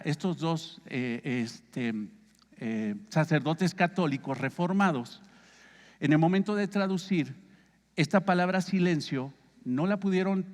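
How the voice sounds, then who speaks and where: Mexican pastor teaching in an echoing hall. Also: male voice, fairly high pitch, a little mellow. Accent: Mexican Spanish. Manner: conversational, asks the congregation questions. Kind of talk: Bible study teaching.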